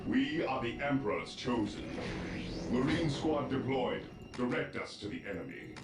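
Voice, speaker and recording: An actor playing a stern, zealous armored male super-soldier in a video game, barking clipped military lines through a booming metallic helmet echo. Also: very animated, normal speed, gravelly. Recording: echoey game audio over loud music.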